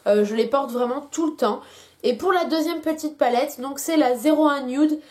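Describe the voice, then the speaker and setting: Young woman, beauty vlogger, slightly high voice, hesitant chatty review, headache. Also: normal speed, a little mellow. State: has a headache. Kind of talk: casual product review.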